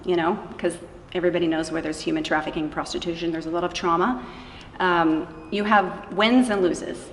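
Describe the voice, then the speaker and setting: A missionary who runs an anti-trafficking organization answers interview questions about her work earnestly and conversationally. Her voice is on the low side, with a steady tone and normal speed, in an echoey, reverberant room with faint noise.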